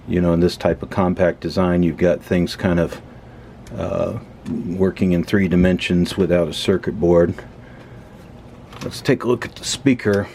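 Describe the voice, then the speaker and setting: A man with a low, mellow voice, slight background noise behind him, hosts an electronics teardown video. He explains things casually and unscripted as he works hands-on, matter-of-fact yet tentative while thinking aloud.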